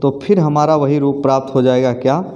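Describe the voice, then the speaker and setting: Leading a grammar lesson in a classroom, a male teacher asks questions and says the answers back aloud, calling the students friends and sister. His medium-pitched voice is steady and dark, fairly quick, and the sound is lo-fi.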